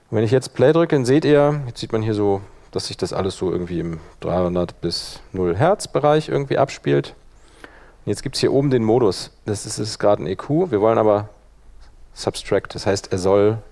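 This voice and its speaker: A man runs a live, hands-on software workshop, thinking aloud informally as he demonstrates each step. His voice is on the low side and creaky.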